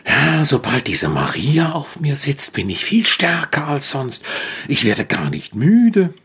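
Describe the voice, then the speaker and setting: A man voicing a gentle, devoted male donkey, telling the story in character with a soft, wondering manner. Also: on the high side, wildly swooping pitch, slow, breathy edge, heavily acted. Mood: dreamy.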